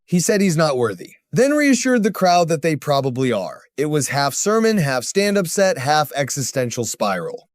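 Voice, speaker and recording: A man's voice: fairly high pitch, very animated, moderate pace, hardly any pauses, no room sound, clean studio sound. A man narrating a scripted commentary piece in a wry, sarcastic way.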